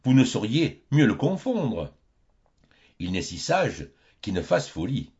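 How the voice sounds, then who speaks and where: A cunning rooster coaxes and flatters in a sly, somewhat raised voice, as a man puts him on. His tone is wheedling and crafty. It comes through a dull, lo-fi storybook recording. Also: fairly low pitch, slow, voice pushed up, heavily acted. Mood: sly coaxing. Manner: sly, coaxing.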